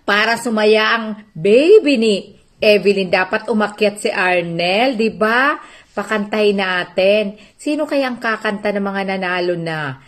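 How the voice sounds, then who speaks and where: A woman's voice: mid-range voice, lively intonation, measured pace. Chatty Filipino woman greeting livestream viewers. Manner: chatty, reads out viewer names and comments. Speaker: livestream host.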